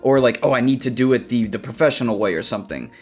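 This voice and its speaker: A man's voice: mid-range voice, expressive, quick pace. Brash, mock-tough man talking art. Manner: brash, mock-tough trash talk, playful. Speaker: animation character designer teaching art. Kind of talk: casual art breakdown commentary.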